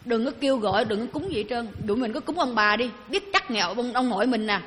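A fast, slightly bright woman's voice with fairly high pitch and lively intonation carries a Buddhist dharma talk, where she chats with listeners and asks them questions. The recording has long hall reverb and a little hiss or hum.

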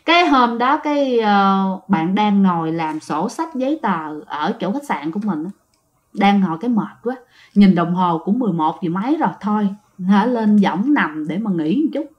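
A woman's voice: mid-range voice, lively intonation, moderate pace. A woman telling a true ghost story casually, talking straight to her listeners. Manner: chatty, addresses listeners directly. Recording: dull lo-fi sound.

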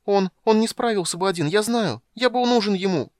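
A man's voice: a little high, big pitch swings, normal speed, dry recording, clean studio sound, pitched above the performer's own voice. A man voicing a young, childlike kender in an audiobook, stammering out tearful pleas. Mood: sobbing. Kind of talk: audiobook character voice.

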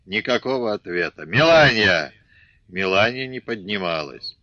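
A man reading a novel aloud as an audiobook narrator, steady and dramatic. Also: lowish voice, normal speed, dry recording, dull audio.

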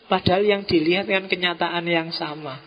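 A man giving an informal philosophy study talk to a gathering, with relaxed joking asides. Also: sits high, moderate pace. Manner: relaxed, joking asides, mixes in Javanese words. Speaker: philosophy lecturer. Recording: dull, reverberant hall sound.

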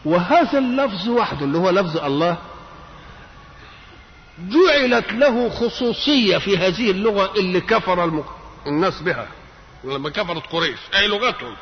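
A man's voice: high voice, big pitch swings, moderate pace. A man with an Egyptian accent explaining Quran verses in a religious lecture, moving between everyday Egyptian speech and classical recitation, his voice rising sharply on points of emphasis. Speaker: Quran commentator. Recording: dull lo-fi archive tape with faint hiss.

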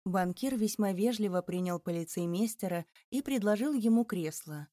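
Woman narrator, measured storytelling, warm and dry. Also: medium pitch, no echo. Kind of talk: audiobook narration.

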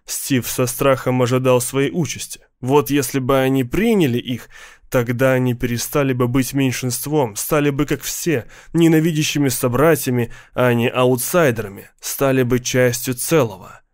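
Male audiobook narrator, measured, mid-pitched. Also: no echo, clean studio sound.

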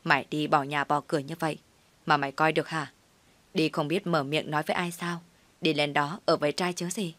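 A woman's voice: fairly even intonation, a little fast, a bit bright, no echo. A woman voicing a harsh, accusing middle-aged aunt who scolds her niece, in a dry, close recording. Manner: shrill, accusing, berating.

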